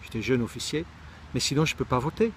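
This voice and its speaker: A man's voice: medium pitch, expressive, fast, slight background noise. A middle-aged man from Israel giving a reflective monologue, thoughtful and searching for words, often restarting his sentences. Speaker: speaker sharing personal reflections.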